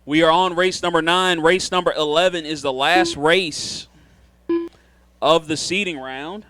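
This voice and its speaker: A man's voice: on the high side, steady tone, a little slow, bright, forceful tone, clean tone. A man doing live trackside race announcing, talking to drivers in an informal, folksy way.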